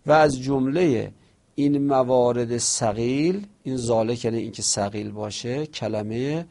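A male seminary teacher with a gravelly, rough-edged voice at a middling pitch. He reads each line of an Arabic text slowly, then explains it in relaxed conversational speech. Now and then he asks and answers the book's questions in a livelier tone. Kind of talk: classroom lecture reading and explaining an Arabic text.

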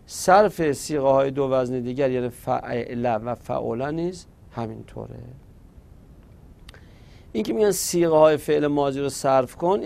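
Gravelly man teaching patiently. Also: mid-range voice, darkish tone. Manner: patient, repetitive drilling of verb forms. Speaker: Arabic grammar teacher. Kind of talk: recorded lesson.

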